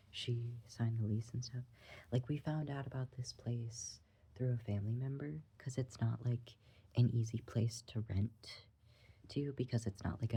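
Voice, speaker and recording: A young adult performer voicing a gossipy tenant in an ASMR role-play, confiding in a soft, breathy, hesitant gossip soft voice. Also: mid-range voice.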